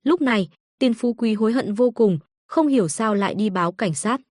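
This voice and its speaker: A woman reading a story aloud as narrator, voicing all the characters in a mostly even narrating voice. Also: a little high, moderate pace, no echo, studio quality. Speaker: audiobook narrator.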